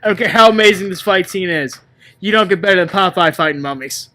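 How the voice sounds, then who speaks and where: Bright and forceful, a high-voiced man speaks quickly as co-host of a relaxed film-review chat. He sounds exasperated, ranting and cursing as he goes.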